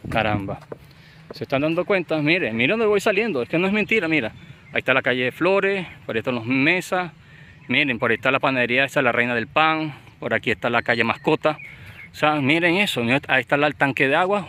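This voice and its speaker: A man's voice: on the high side, a bit bright. A man with a Venezuelan llanero accent, vlogging as he walks outdoors and talks to viewers through his phone mic, rambling with restarts, sweating in the heat. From Portuguesa state, Venezuela. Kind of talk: walking vlog, casual chat. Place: outdoors on overgrown urban lots and streets. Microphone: phone mic, handheld. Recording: noisy outdoor phone recording.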